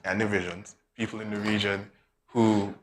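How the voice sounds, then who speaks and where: A man from Saint Kitts with a Kittitian accent answering casually as an interview guest, thoughtful and halting, often repeating words. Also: fairly low pitch, flat delivery. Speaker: interview guest, podcast producer. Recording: faint background noise.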